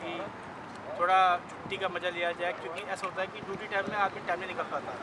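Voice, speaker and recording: A man's voice: high voice, little pitch movement, racing, noisy background. A man vlogging with friends outdoors at night, talking in an earnest, rambling way and sometimes acting as a playful mock reporter. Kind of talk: casual chat with friends. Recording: background music playing.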